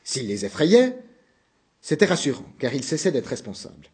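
A man narrating a novel in a measured, subdued reading voice. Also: medium pitch, wildly swooping pitch, darkish tone, slight background noise.

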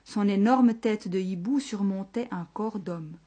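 Woman storyteller telling a folk tale live, slow, husky, pitched a bit high. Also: warm tone. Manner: unhurried, addresses listeners directly. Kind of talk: live oral storytelling to an audience.

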